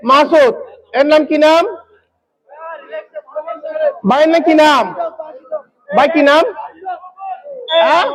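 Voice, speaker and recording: Male football commentator, very high and fairly monotone pitch, excitable shouted calls, repeats names. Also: poor audio. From Bangladesh. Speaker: local football match commentator and announcer. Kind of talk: live football penalty shootout commentary. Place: outdoor local football ground.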